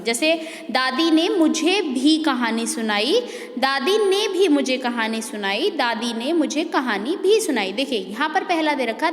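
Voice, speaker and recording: A woman teacher giving a grammar lesson, explaining step by step and checking in with the class. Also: high-pitched. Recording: echoey room with long reverb.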